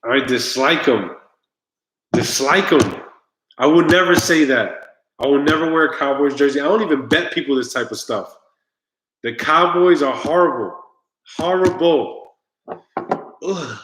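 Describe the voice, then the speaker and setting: A man's voice: medium pitch, normal speed, echoey room, background noise. A man hosting his own live stream, chatting casually and straight to his viewers. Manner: laid-back, talks straight to viewers, groans at the drink.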